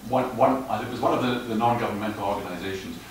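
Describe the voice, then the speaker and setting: A man's voice: lowish voice, fast talker. A man giving a lecture on footpath management and answering questions, often stumbling and repeating words. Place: lecture hall. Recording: echoey hall, distant mic, noise.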